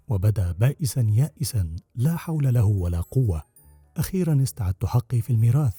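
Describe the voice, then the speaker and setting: A man reading a first-person audiobook narration in an expressive storytelling manner. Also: medium pitch, breathy edge, no room sound.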